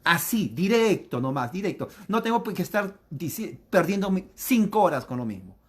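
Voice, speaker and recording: A man's voice: high-pitched, very animated, normal speed, breathy edge. A man preaching a catechism lesson in an emphatic, repetitive way, acting out opponents' objections in quoted voices. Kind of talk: sermon.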